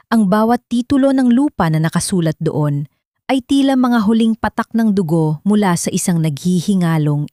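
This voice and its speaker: Narrating a dramatic script, a Filipino-accented woman uses a medium-pitched, somewhat mellow voice. The studio sound is clean, with no room sound.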